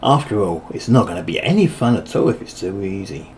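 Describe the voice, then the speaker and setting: A man's voice: low voice, big pitch swings, fairly quick, a little mellow, slight background noise, voice pushed down. A man voicing a smug, overpowered male villain mage who taunts his victims with casual cruelty. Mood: gloating. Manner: mocking, cocksure, casually cruel.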